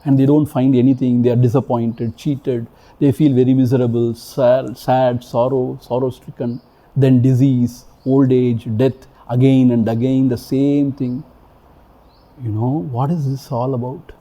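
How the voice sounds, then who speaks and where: This spiritual teacher speaks to retreat attendees in a hall, repeating himself emphatically and asking many rhetorical questions. His warm, mid-range voice has a flat delivery and measured pace.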